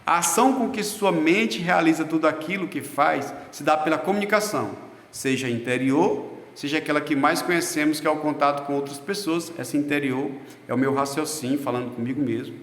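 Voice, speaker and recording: Male lecturer, slightly high voice, explanatory with fillers, echoey room. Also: brisk, fairly bright tone. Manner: explanatory, with frequent fillers and restarts. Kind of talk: recorded class lecture.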